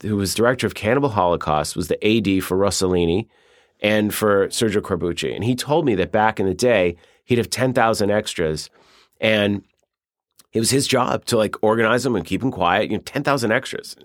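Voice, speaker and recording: A man's voice: lowish voice, fairly quick, no room sound, studio quality. A man being interviewed as a film director, talking bluntly and profanely in a flowing, storytelling way. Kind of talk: casual interview talk.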